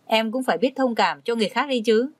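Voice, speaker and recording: A woman's voice: on the high side, fast talker, no echo, lightly acted. Woman reading as a stern young husband. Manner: firm, scolding. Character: young husband, busy professor, stern when angry.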